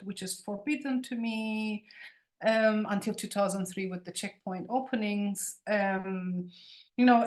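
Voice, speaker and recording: Heard over a rough video-call recording, this medium-pitched woman in her forties is a guest lecturer from Cyprus with a Turkish Cypriot accent, Turkish being her native language. Her online lecture is conversational in style. Earnest and emphatic, she tends to repeat words as she hunts for the right ones.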